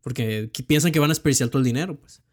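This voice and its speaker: A man's voice: medium pitch, very fast. A young man with a Mexican accent, chatting casually about films with plenty of slang and swearing. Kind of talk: casual film chat.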